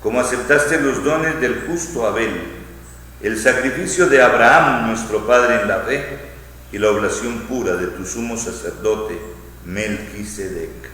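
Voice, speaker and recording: A man, a bishop reciting the Eucharistic prayer in a measured, phrase-by-phrase liturgical delivery. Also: medium pitch, pushed and bright, slight background noise. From Colombia. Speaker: bishop celebrating Mass. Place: large church. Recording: echoey church with long reverb.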